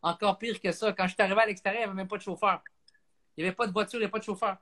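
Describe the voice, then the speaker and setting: A man's voice: sits high, racing. A man with a Québécois French accent, a comedian telling a story on a live stream and acting out the people in it. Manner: animated, acts out voices.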